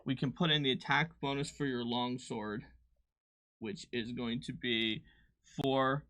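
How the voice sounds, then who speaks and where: A game designer co-hosting a livestream chats casually, thinking aloud as he explains tabletop game rules and works through the numbers. His mid-range voice is steady, unhurried, and sharp in tone, with no echo.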